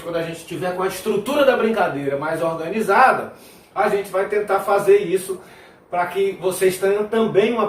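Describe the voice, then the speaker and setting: A man's voice: sits high, slight background noise. A man teaching a video lesson on folk music, singing verses and then explaining them in a loose, chatty way. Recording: roomy, mic at a distance. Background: tambourine playing.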